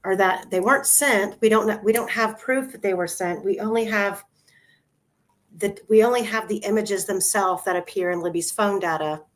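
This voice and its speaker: On a casual video call, a host shares her screen and names each trial photo in turn, calm and methodical. She speaks at a moderate pace with a medium-pitched voice, heard through her computer microphone.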